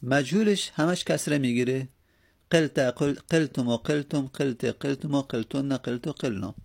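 A male teacher giving a grammar lecture with a rough, gravelly edge to his voice. He talks patiently, reciting verb forms one after another in steady drills and checking in with his students as he goes. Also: medium pitch.

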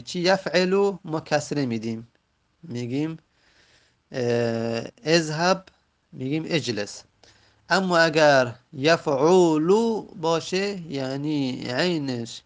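A man whose first language is Persian, teaching an Arabic grammar lesson and slowly repeating each example word. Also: a little high. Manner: slow, drawn-out repetition of example words.

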